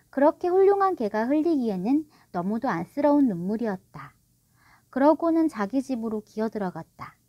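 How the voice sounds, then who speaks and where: A woman's voice: a little high, no echo, muffled recording. A woman librarian narrating a children's storybook aloud. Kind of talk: audiobook narration.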